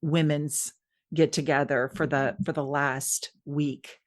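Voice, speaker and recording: A woman's voice: low-pitched, flat delivery, unhurried. A woman hosting a podcast, chatting with a guest and signing off in an upbeat, encouraging way. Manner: upbeat, encouraging, laughs easily. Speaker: podcast host. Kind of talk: casual interview chat and sign-off. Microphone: remote video call.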